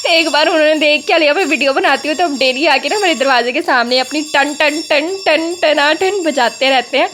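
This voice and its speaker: Young Pakistani woman, Urdu accent with Punjabi touches, high and chatty, for a vlog voice-over. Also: normal speed, fairly bright tone. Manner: chatty storytelling, peppered with "na", often laughing. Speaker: vlogger. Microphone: voice-over mic.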